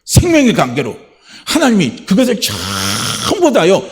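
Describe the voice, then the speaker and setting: A middle-aged male pastor delivers a sermon with a fairly high voice that swoops up and down with lively emphasis. He keeps asking the congregation questions and answers them himself. He also slips into the voices of the people he quotes. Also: a little slow. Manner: animated preaching with rhetorical questions to the congregation; acts out quoted voices in a raised tone.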